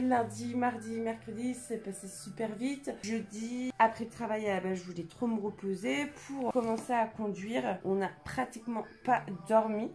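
A young woman chatting casually as a vlogger, telling a story with lots of fillers, filmed on a phone held at arm's length indoors. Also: fairly high pitch. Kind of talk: casual vlog chat. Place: rental flat indoors and car.

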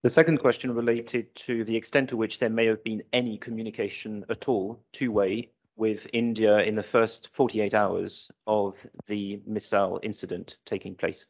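A man in the audience of a policy workshop asking a polite, probing follow-up question. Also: lowish voice. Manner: courteous, careful, probing. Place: large conference boardroom. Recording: dull, muffled sound.

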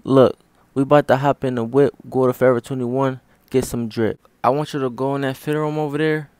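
A man's voice: mid-range voice, fairly even intonation, brisk, darkish tone, clear, resonant tone, no room sound. A man hosting a comedy skit, talking in slang in a bossy, teasing way.

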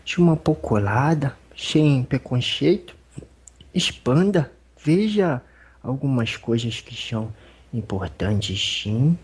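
A humble, teasing old male spirit elder speaks with a Brazilian accent, voiced by a medium in trance. The voice is husky and its pitch swings widely between low murmurs and sudden high notes. He talks in a rambling, folksy, fatherly way. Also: lively intonation, slow, darkish tone, heavily acted. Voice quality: husky, rambling, folksy speech with fond asides. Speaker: spiritual medium giving a consultation. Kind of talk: religious consultation talk.

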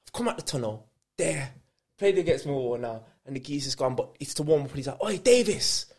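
A man's voice: medium pitch, quick pace. A man, a podcast guest and former footballer, telling stories in casual slangy chat. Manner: animated storyteller, laughs through punchlines, slangy.

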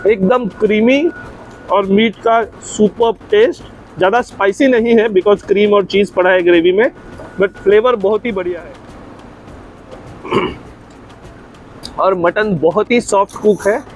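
Speaking at a measured pace with long pauses, a middle-aged Indian man with a high voice hosts a casual food vlog from an open-air restaurant. His lapel mic audio has the highs cut off and a little hiss or hum, and he chats enthusiastically in Hindi and English.

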